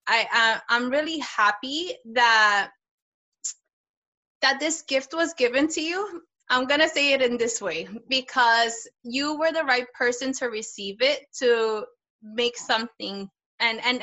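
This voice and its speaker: Bright gushing lady host, kinda high voice, super effusive podcast chat. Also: poor audio. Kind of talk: casual podcast conversation.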